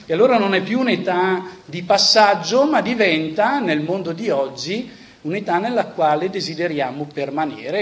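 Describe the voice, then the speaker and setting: A man giving an earnest, reflective talk to a church audience, often restarting phrases and adding little tag questions. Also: on the high side. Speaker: speaker at a church gathering.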